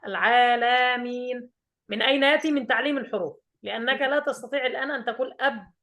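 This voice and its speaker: A woman's voice: fairly high pitch, fairly bright tone. A woman teaching Quranic pronunciation over a video call, patiently modelling and repeating each sound. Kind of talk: online pronunciation coaching.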